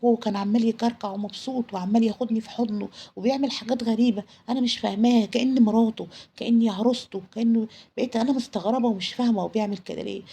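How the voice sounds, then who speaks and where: A woman's voice: medium pitch, creaky, warm tone, slightly rough. A young Egyptian woman telling a dramatic first-person story in an emotional, confessional way. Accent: Egyptian Arabic. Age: young adult.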